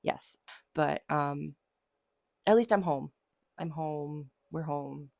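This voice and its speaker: A woman in her thirties, hoarse from a summer cold, chatting casually and rambling as a knitting vlogger. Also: sits low, takes it slowly, darkish tone, dry recording, clean studio sound. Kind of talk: casual chat.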